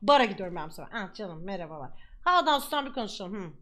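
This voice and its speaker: A woman YouTuber commentating a game she is playing, excitable, shouting at the game and laughing often. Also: medium pitch, rapid-fire. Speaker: gaming YouTuber. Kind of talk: let's play commentary.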